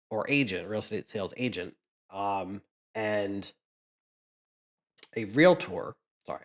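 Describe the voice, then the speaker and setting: A man casually chatting as he sorts trading cards for his channel, rambling with frequent restarts. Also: fairly low pitch. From Pennsylvania, US. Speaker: card collecting vlogger. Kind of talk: casual chat while sorting cards.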